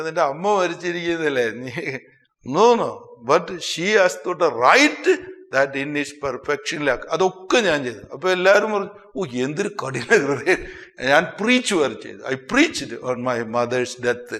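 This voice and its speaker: A male priest with a Malayali accent delivers a sermon in a hall with long reverb. He is expressive, with sudden swings in pitch and loudness, and slows down sharply to stress phrases.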